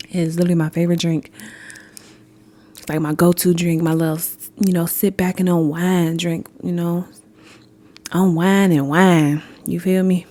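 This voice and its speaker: A woman's voice: lowish voice, warm tone. A young adult woman hosting a podcast in casual chat, candid and swearing freely, laughing often and talking straight to listeners. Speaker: podcast host.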